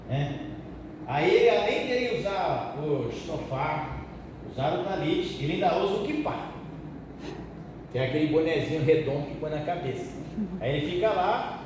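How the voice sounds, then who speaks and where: A pastor from Brazil teaching a Bible study in a colloquial, joking way and asking his listeners questions. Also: sits high. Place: church hall. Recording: echoey hall, distant mic, background noise.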